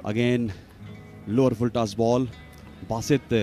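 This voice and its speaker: A man's voice: mid-range voice, fairly even intonation, slow, warm tone, faint music behind. A man giving live cricket commentary, describing each ball as it is played.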